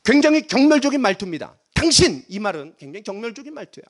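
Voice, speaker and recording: A middle-aged male pastor preaching a sermon, dramatic, swinging between loud emphasis and hushed near-whispers and leading the congregation in reading aloud. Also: high-pitched, sing-song, rapid-fire.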